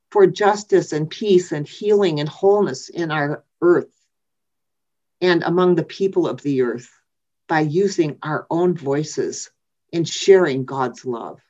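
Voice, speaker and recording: A woman preacher giving a sermon in a measured, reflective way, with thoughtful pauses. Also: sits low, expressive, a little mellow. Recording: dull lo-fi recording.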